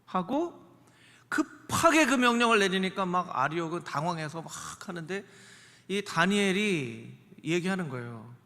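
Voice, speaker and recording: A male pastor preaching a sermon in an animated way, dropping his voice to act out the characters in the story. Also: unhurried. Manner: animated, acts out dialogue in lowered voice. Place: church sanctuary. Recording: reverberant church sanctuary.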